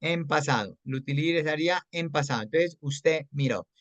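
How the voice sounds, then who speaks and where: In an online lesson with no echo, a Colombian-accented English teacher speaks at normal speed in a mid-range voice. Patient and attentive, they mix English words into Spanish while explaining grammar and regularly check that the student keeps up.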